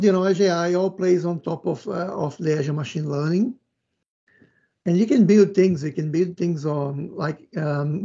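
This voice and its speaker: Muffled, dull lo-fi audio carries a Brazilian man's informal tech talk, delivered conversationally and loosely in his Brazilian accent; Portuguese is his native language. His voice sits a little high and is gravelly, warm and slightly rough.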